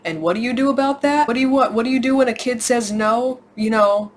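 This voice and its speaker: A woman's voice: on the high side, fairly quick. A woman reviewing a film in a sarcastic, exasperated rant, often restarting her sentences. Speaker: movie reviewer. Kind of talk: ranting movie commentary.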